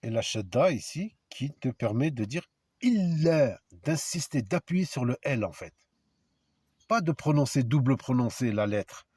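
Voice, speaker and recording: A man with a slightly husky voice talks his viewers through a lesson at an unhurried pace. His pitch swings widely as he stresses points and spells out sounds one at a time. He addresses the audience directly, with an emphatic, provoking edge. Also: lively intonation, mellow, no echo. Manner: spells out letters and sounds slowly. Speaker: video lecturer. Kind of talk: informal explanatory monologue to viewers.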